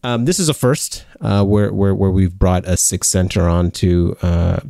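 Man, podcast co-host, low voice, halting with fillers, dry close mic. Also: steady tone, vocal fry, warm tone, no room sound. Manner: halting, many fillers and restarts. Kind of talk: casual podcast chat.

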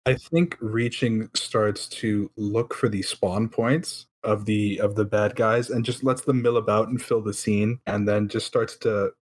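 A man's voice: lowish voice, steady tone, a little slow, hardly any pauses. A man playing a tabletop role-playing game, describing his character's moves with joking asides. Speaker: player. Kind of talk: casual tabletop play.

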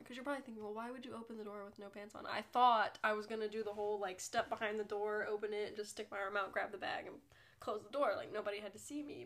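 This young woman hosts her own podcast with a mid-range, slightly bright voice. Congested from a cold, she chats casually on her own, rambling and running herself down.

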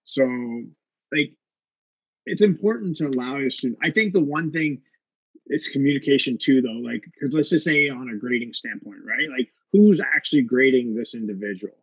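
A man's voice: medium pitch, moderate pace, husky, no echo, highs cut off. A man in his late thirties, a jiu-jitsu instructor, talking casually on a podcast and rambling with many fillers and restarts. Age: 30s.

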